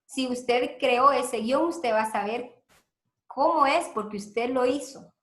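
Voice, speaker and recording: A woman with a Honduran accent giving a seminar lesson, explaining step by step, repeating her points and often pausing on "eh". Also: high-pitched, a bit bright, reverberant. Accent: Honduran Spanish. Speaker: teacher giving a seminar talk. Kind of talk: instructional talk on recording radio audio.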